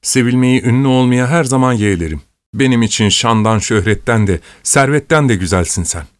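A man voicing an excitable young painter, passionate and breathless with joy, in a storybook reading. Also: medium pitch, brisk, dry recording, natural voice. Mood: impassioned.

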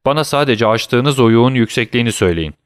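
A man's voice: medium pitch, expressive, no echo, studio quality, natural voice. A man voicing a wary old prisoner behind a wall. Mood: questioning. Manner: terse, questioning, hurried. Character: old male prisoner, muffled voice through a wall, cautious.

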